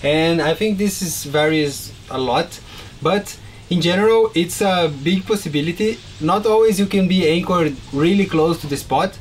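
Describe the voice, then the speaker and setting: Laid-back sailor guy, talking in his boat cabin, voice a bit high, faint hiss. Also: normal speed. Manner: relaxed, rambling with fillers. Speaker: sailing vlogger. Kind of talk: casual chat. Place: inside a sailboat cabin.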